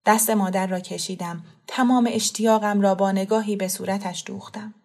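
A female audiobook narrator reads a literary novel. Her delivery is calm, steady and measured, with middle pitch and plain storytelling.

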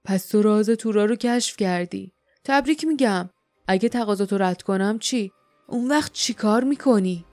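A woman voicing a stern, cool-headed older male leader, speaking calmly and gruffly with a dry, sardonic edge. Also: medium pitch, no echo, faint music behind, natural voice. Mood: mocking.

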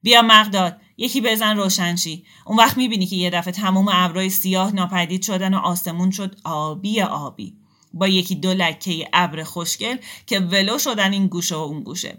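A woman's voice: mid-range voice, pushed and bright, natural voice. A woman voicing a teasing man who speaks in a coaxing, dreamy way in an audiobook story reading. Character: teasing man, offers a joint.

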